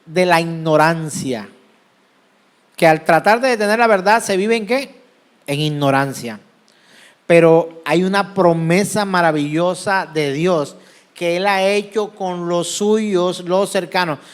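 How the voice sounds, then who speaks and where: A man's voice: high voice, measured pace, clear, resonant tone. A man with a Colombian Caribbean accent preaching a sermon as pastor, asking the congregation questions and answering them himself. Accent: Colombian Caribbean Spanish.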